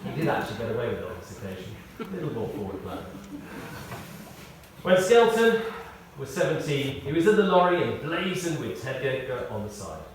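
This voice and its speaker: Delivering a written eulogy with humorous anecdotes, a medium-pitched British man speaks in a big, heavily echoing room, recorded from afar with faint noise. He tells his stories in a measured way, with lively rises and falls, pausing and emphasising key words.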